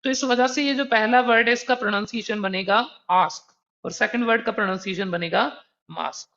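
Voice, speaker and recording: A man's voice: very high voice, steady tone, brisk, bright, forceful tone. A man teaching an exam preparation lesson, explaining patiently and conversationally with worked examples. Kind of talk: recorded online lesson. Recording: dull, slightly lo-fi recording.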